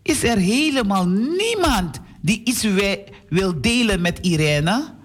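A caring woman schoolteacher in a storybook, puzzled and gently questioning her class, played by a man reading aloud. The voice is a bit raised and measured. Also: high-pitched, very animated, breathy edge, pitched above the performer's own voice, exaggerated voice.

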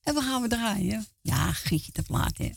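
A woman hosts a radio request show in casual chat. Her voice sits fairly high and swings animatedly, with a husky, creaky edge. She sounds informal and agreeable in a dry studio. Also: animated, unhurried, dry recording.

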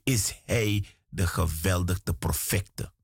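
A man preaching a radio sermon, slow and emphatic, with dramatic swings and repeated phrases. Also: low voice, vocal fry, slightly rough, no echo, clean studio sound. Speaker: guest preacher.

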